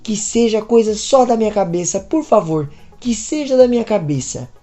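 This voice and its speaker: A woman's voice: medium pitch, expressive, normal speed, warm tone, faint music behind, close to an everyday voice. A woman voicing an upset young married woman who speaks anxiously and pleadingly. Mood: distressed.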